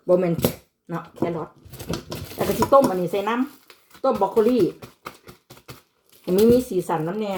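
A lowish, slightly mellow voice comes from a vlogger mother cooking in her home kitchen. Her accent is Isan (Northeastern Thai), and her casual chat with her child mixes Isan and Thai.

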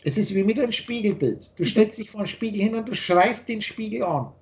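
A man with a high-pitched voice lectures over a video call. He speaks emphatically as a spiritual teacher. He often repeats and rephrases his points. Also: fairly quick, a little mellow. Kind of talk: explaining ideas in a video call.

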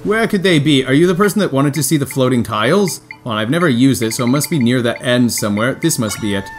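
Game music plays clearly behind a man commenting casually on his playthrough. His voice sits at a middle pitch. He is chatty, thinks aloud and tends to repeat phrases to himself as he works things out. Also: animated, quick pace. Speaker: video game streamer doing a playthrough. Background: video game music.

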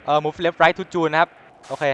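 A young man giving excitable, joking commentary while playing a video game. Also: fairly high pitch, unhurried. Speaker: gaming streamer.

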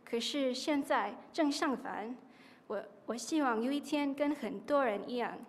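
A woman's voice: high-pitched, measured pace. A teenage girl giving a prepared speech in learner's Mandarin, sometimes repeating her phrases. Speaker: high school student contestant. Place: auditorium stage at a podium. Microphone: podium microphones. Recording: echoing auditorium hall.

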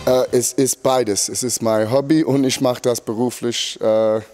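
A middle-aged man, a basketball coach, answering interview questions in a sports hall, halting with many fillers. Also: medium pitch, fairly even intonation, music in the background. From Germany.

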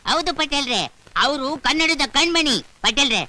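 An actor playing a village sidekick who scolds the crowd and flatters his boss. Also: very high-pitched, moderate pace, heavily acted, low-quality recording. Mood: bossy. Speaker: the headman's sidekick. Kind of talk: Kannada film dialogue.

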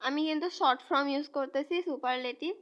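Woman English tutor, high voice, slow and repetitive, spells words out, muffled lo-fi sound. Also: fairly bright tone. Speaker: English teacher. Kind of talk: explaining grammar to students.

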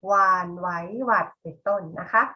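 A middle-aged woman teacher gives a slow, patient classroom lesson, spelling out one example word after another, and the audio sounds dull.

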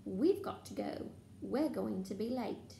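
A blunt, irritated schoolboy in a storybook, read by a woman. He talks curtly and grumpily with a creaky edge. The room echoes around the voice. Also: mid-range voice, lively intonation, unhurried, warm tone, slight background noise. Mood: dismissive. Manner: furious, curt.

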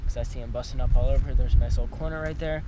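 A teenage male fishing vlogger talks casually to his camera in a mid-pitched voice. He is recorded outdoors, with loud wind and traffic noise around him. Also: steady tone, racing. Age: teens. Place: outdoors on a grassy pond bank and by a car. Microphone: action camera at varying distance.

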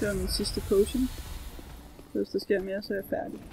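A woman giving excitable let's play commentary, swearing and shrieking as she plays. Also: mid-range voice, vocal fry, noisy background. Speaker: gamer.

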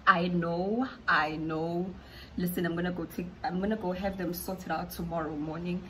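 A woman's voice: fairly low pitch, fairly even intonation, normal speed, bright, forceful tone, a little hiss or hum, rough recording. Chatty South African woman vlogging. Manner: chatty, repeats words for emphasis. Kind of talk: casual vlog chat.

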